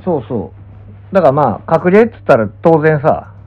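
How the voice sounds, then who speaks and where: His voice is fairly high, sing-song and fairly quick. He's a young Kansai-accented pro gamer and streamer lying down in a small room indoors, chatting casually on a livestream, musing hesitantly and letting thoughts trail off, all over muffled, thin, phone-like audio.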